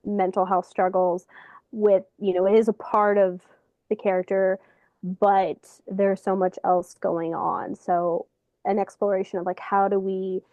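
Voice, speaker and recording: A woman author talking as a guest on a video call interview, relaxed and chatty, with lots of "um" and "like". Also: mid-range voice, unhurried, no room sound, lo-fi sound. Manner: relaxed, chatty, many fillers like "um" and "like". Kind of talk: casual interview chat.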